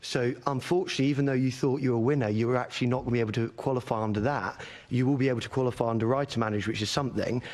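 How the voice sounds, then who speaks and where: A man's voice: medium pitch, steady tone, rapid-fire, hardly any pauses, darkish tone. Guy giving evidence at a committee, earnest and pushy, keeps repeating words to make a point. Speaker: leaseholder campaigner giving evidence. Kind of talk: formal committee testimony.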